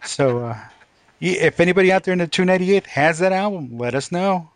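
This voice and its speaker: A man hosts a podcast in casual, conversational talk. His voice sits slightly high for a man, and the sound is dry, with very little room. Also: a little fast, dry recording. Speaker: podcast host. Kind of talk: casual interview chat.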